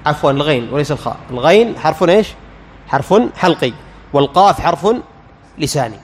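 A man teaching Quran recitation as a lecture. He quizzes the class, answers his own questions and sounds out letters slowly. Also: on the high side, expressive, big-room sound.

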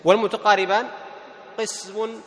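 A male Quran teacher explaining tajweed rules to a class. He asks questions, answers them himself, repeats the key terms and slows down to recite the verse examples. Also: high voice, flat delivery. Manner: recites verses slowly and melodically. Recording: long hall reverb.

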